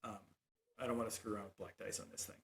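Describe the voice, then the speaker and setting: A man running a tabletop game as game master, talking in halting bursts full of fillers and restarts. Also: lowish voice, fairly even intonation, vocal fry, roomy sound.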